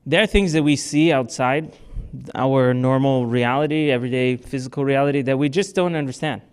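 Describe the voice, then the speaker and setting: At a club meeting, a speaker from Portugal takes audience questions in a casual way full of fillers and restarts. His voice is smooth and medium-pitched, and he talks a little fast.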